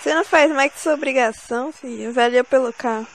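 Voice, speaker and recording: A woman's voice: high voice, quick pace, low-quality recording. A woman from Brazil hosting a gaming video from home, bossing and teasing her teammates in exasperated banter. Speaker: gameplay channel host. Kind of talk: casual gaming commentary.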